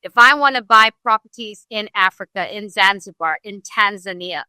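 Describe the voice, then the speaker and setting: Bright, crisp-voiced woman guest. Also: mid-range voice, moderate pace, no echo. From Ghana. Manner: earnest and animated, many fillers. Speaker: guest, real estate broker. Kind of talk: casual interview storytelling.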